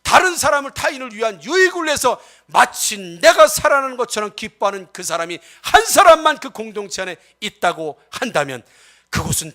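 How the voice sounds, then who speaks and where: A male pastor preaching a Sunday sermon, asking the congregation rhetorical questions and swinging between loud exhortation and soft asides. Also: high-pitched.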